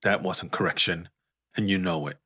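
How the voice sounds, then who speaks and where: A man's voice: sits low, normal speed, sharp tone, slightly rough, no room sound, clean studio sound, full character voice. A man voicing a prickly, defiant young curler. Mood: angry. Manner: tense, clipped delivery.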